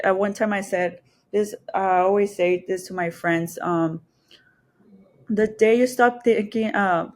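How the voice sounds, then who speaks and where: A medium-pitched woman from the Texas and Mexico border region speaks with a Mexican Spanish accent. As a podcast guest, she tells personal stories casually and candidly, thinking aloud as she goes.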